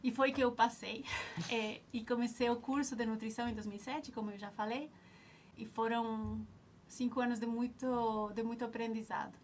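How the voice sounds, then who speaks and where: With a little hiss or hum in the background, a fairly high-pitched woman speaks at normal speed with fairly even intonation. An Ecuadorian nutritionist in her forties and native Spanish speaker, she reflects on her journey in interview answers as an alumna, often restarting mid-thought.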